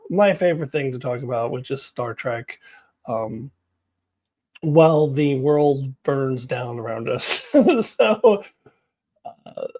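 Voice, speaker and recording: Her voice is deep and warm as she shares her views on TV news with viewers. This vlogger keeps things casual and candid, pokes fun at herself, and laughs frequently while talking.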